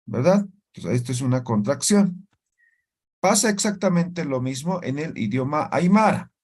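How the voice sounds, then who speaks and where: A man's voice: on the high side, a little mellow. A man teaching a language lesson, explaining rules step by step and checking in with his listeners through frequent short tag questions.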